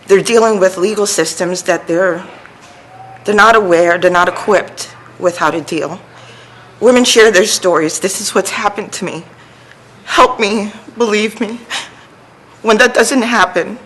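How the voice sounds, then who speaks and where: A woman's voice: on the low side, fairly bright tone, rough recording. A woman from New City, a returning adult student speaking candidly and with emphasis. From New York City. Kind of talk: interview testimonial.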